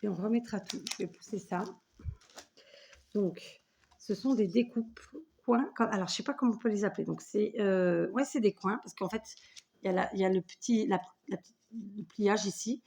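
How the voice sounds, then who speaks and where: A woman's voice: medium pitch, normal speed, creaky, a little mellow, breathy edge. A woman in her forties hosting a scrapbooking video at home, chatting enthusiastically as she opens gifts and thanks the sender. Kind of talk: casual unboxing chat.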